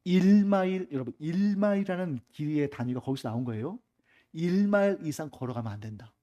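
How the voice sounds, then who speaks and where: A man's voice: high voice, dark tone. A male pastor giving a Sunday afternoon sermon in a church, talking conversationally and often putting questions to the congregation. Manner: conversational preaching with frequent rhetorical questions to the congregation. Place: church sanctuary.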